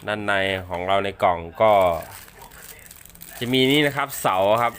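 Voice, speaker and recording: A man giving a casual hands-on unboxing demonstration, speaking haltingly and repeating words as he handles items. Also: fairly low pitch, fairly bright tone, slight background noise. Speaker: unboxing presenter.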